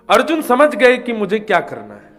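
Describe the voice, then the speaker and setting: A man's voice: sits high, a bit bright. A man telling a scripture story in a devotional discourse, voicing the characters and chanting verses.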